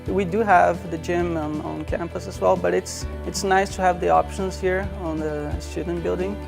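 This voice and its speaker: A man tells his student story in a promotional video, his voice slightly high and gravelly. He speaks in a narrow, level tone. Guitar music plays clearly behind him. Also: steady tone, normal speed. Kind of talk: testimonial interview.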